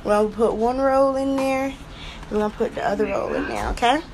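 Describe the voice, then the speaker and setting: A woman's voice: sits high, fairly even intonation, brisk, a crowd in the background, rough recording. A young woman giving a casual step-by-step cooking demonstration in a small home kitchen, talking to a phone camera. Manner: chatty, step-by-step, repeats "we're gonna".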